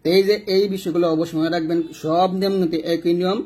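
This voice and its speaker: A man teaching Quran reading step by step, spelling out letters and vowel marks and then reciting them slowly and drawn out. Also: sits high, flat delivery, a little mellow, slightly rough.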